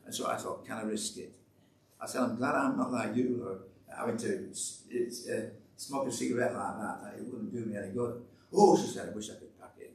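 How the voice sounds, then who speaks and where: A man's voice: fairly low pitch, fairly quick, a little hiss or hum. A man giving a church talk, chatty and storytelling, re-enacting conversations and urging listeners on. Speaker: church speaker giving testimony. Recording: roomy echo, distant mic, faint ambience.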